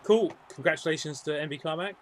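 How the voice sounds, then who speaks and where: A man's voice: a little high, slight background noise. A man co-hosting a casual tabletop game chat, teasing his friend and cutting in with questions. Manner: teasing, quick to interrupt with questions. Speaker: co-host.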